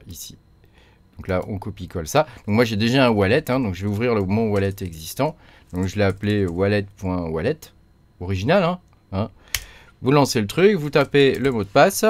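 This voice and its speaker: A man talks through a computer tutorial in a casual, chatty way, full of fillers and little tags. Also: fairly low pitch. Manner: chatty, many fillers and tag "hein". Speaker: crypto mining tutorial host. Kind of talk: casual screen-recorded tutorial.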